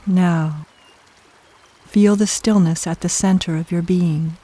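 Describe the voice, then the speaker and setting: A meditation guide with a warm, relaxed tone at a medium pitch. The delivery is soft and soothing, reading guided instructions slowly and evenly. Long pauses separate the measured phrases. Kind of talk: guided meditation, scripted narration.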